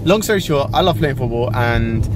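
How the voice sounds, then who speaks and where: A man's voice: mid-range voice, expressive, moderate pace. Chatty young man vlogging, noisy handheld recording. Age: 20s. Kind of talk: casual chatty vlog to camera. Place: car interior, outdoors and small rooms. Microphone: camera at arm's length. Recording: clear background noise, car and handheld camera.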